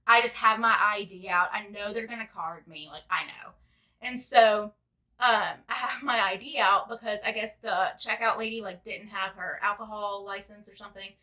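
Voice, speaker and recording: Bright-voiced chatty young woman. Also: medium pitch, steady tone, moderate pace. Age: 20s. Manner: rambling, chatty, heavy use of "like". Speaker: beauty vlogger. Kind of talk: casual makeup tutorial chat.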